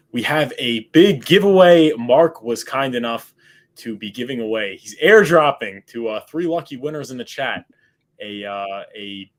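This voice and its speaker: A man with a mid-range voice hosts a casual online interview. He prompts his guest loosely, with frequent fillers and restarts. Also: mid-range voice. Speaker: host.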